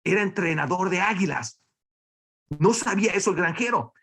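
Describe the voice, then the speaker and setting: A man giving a motivational talk, telling a fable in an animated way and often repeating and restarting words. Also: sits high, moderate pace, breathy edge.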